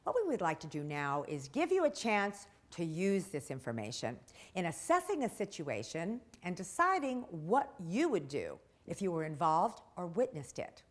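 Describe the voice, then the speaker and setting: Brisk woman trainer, animated pitch. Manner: brisk, plain-spoken, jokey. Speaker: workplace trainer. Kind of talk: training presentation.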